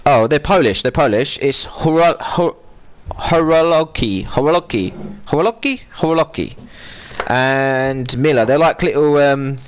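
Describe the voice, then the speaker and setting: Chatting through a live game, a male streamer rambles and interrupts himself mid-sentence in a loose, talkative manner. His medium-pitched voice is unhurried, and there's a slight hiss or hum.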